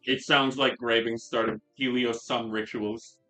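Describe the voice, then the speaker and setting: A man narrating as game master for a tabletop game, relaxed and descriptive with frequent fillers. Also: medium pitch, a little slow, soft background music, low-quality recording. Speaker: dungeon master.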